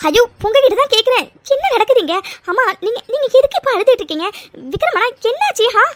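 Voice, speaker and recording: A woman's voice: very high-pitched, very animated, fast, no room sound, studio quality. A woman voicing an outraged young heroine in a cartoon dub, scolding and indignant. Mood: bewildered. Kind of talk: Tamil cartoon fan dub.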